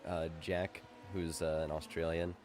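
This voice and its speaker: A man's voice: deep voice, flat delivery, a little slow, darkish tone, slight background noise. A man streaming a sim race, chatting casually and laughing easily with teammates. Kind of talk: casual chat over voice comms.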